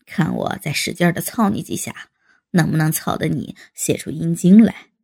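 A woman voicing a rough, coarse man in an adult audio story, with a gruff low voice. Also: animated, moderate pace, warm tone, full character voice.

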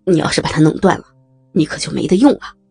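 A breathless, coaxing male official, as a woman narrator puts him on for an audio storybook. The voice drops low and stays in a husky half-whisper, with a gravelly edge and a swinging, lively pitch. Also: fast talker, no echo, soft background music, exaggerated voice. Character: lustful middle-aged male official, breathless and pushy.

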